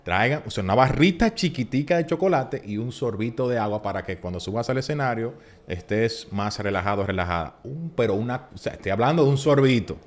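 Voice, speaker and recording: A man, a public speaking coach giving advice in a casual podcast chat, emphatic and animated, acting out little quoted scenes. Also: medium pitch, a little fast.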